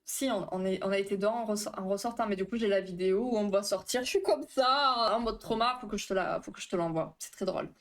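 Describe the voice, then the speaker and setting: A woman therapist with a medium-pitched voice hosts a live stream, chatting casually with viewers and reading the chat aloud. She talks fast and trips over her words.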